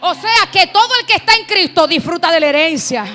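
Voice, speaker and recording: A woman pastor, preaching a Pentecostal sermon that swings from hushed, close talk to shouted, chanting crescendos. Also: very high voice, animated, fairly quick, a little hiss or hum. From Dominican Republic. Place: church congress. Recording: music playing behind.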